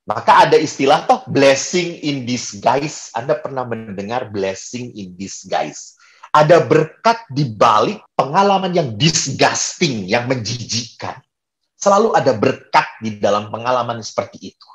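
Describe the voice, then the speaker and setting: Priest telling stories with humor. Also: male voice, mid-range voice, animated, unhurried, fairly bright tone. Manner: storytelling with humor, acts out quoted voices. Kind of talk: sermon.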